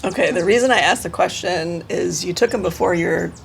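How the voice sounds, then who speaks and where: A middle-aged woman hosting an interview, brisk and asking follow-up questions. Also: fairly low pitch, vocal fry, slight background noise. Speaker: podcast host, therapist and educator. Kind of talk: casual podcast interview.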